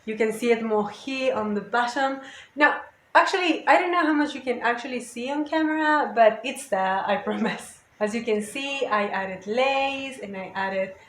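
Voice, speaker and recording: A woman's voice: fairly high pitch, moderate pace, a bit bright, reverberant. A woman vlogger chatting casually and rambling about her craft projects. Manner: rambling, chatty, with lots of "you know" and "basically". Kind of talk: casual chat.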